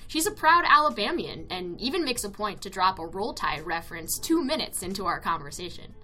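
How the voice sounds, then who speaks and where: A woman host narrating a profile in a scripted, even storytelling delivery. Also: medium pitch, a little fast, soft background music.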